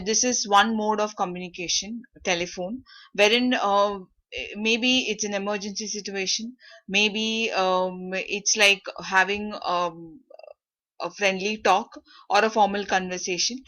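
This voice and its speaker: A woman runs an interactive online workshop, her tone bright and forceful. She keeps stopping with fillers while she hunts for the right word. The sound comes through a video call. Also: medium pitch, highs cut off. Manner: searching for words, many fillers. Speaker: workshop facilitator. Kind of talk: interactive online class talk.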